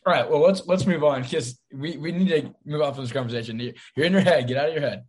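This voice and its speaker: A man's voice: fairly high pitch, fast. A young man hosting a casual sports podcast, teasing and confident, steering it from segment to segment. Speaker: podcast host.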